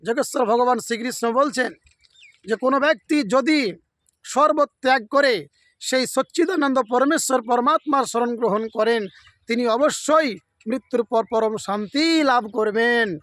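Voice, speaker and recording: Very high-voiced man preaching outdoors. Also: a little slow, a bit bright. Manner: repetitive rhetorical, earnestly pleading with listeners. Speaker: religious preacher. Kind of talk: devotional sermon to a camera audience. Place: outdoors beside a rice field.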